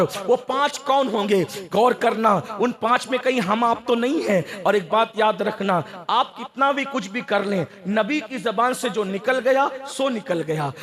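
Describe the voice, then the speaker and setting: A man preaching a fiery religious sermon to a large gathering, repeating phrases for emphasis and swinging between shouted climaxes and hushed pleading. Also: high-pitched, a little slow, few pauses, crowd noise. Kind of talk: impassioned Islamic sermon.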